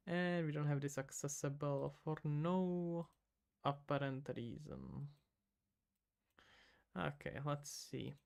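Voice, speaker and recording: A Czech man with a Czech accent streams live as an indie game developer, muttering to himself while he codes and tossing loose, casual asides to chat. His voice sits on the high side, gravelly yet a little mellow, clear and resonant. He talks slowly and animatedly, pausing often.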